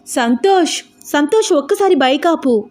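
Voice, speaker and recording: A woman's voice: mid-range voice, moderate pace, warm tone, lightly acted. A woman voicing an outspoken, protective young woman in a storybook romance, pressing her questions indignantly. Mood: agitated.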